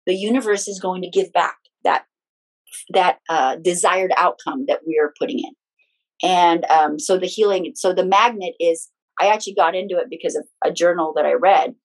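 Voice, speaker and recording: This is a rough recording of a woman with a lowish voice, a healing practitioner guesting on an interview. Her explanations are conversational but halting, with phrases she restarts along the way.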